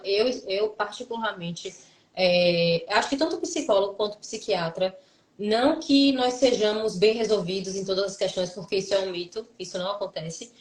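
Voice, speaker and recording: A woman psychologist from Salvador with a Bahian accent, talking earnestly and reflectively in a live stream conversation. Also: medium pitch. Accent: Bahian Brazilian Portuguese. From Salvador, Bahia, Brazil. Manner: earnest, reflective, speaks in long runs with restarts. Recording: roomy echo.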